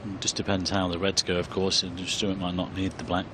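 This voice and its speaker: A man's voice: low voice, completely flat delivery, fairly quick. A man giving live commentary on a snooker match as play unfolds. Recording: clear background noise.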